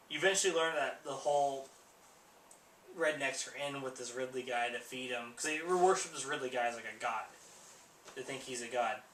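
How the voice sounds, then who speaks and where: A man chats loosely as host of a film review, tipsy and rambling. His voice is bright and forward, recorded away from the mic in an echoey room with faint noise. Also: mid-range voice, far from the mic. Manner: tipsy, rambling and losing track.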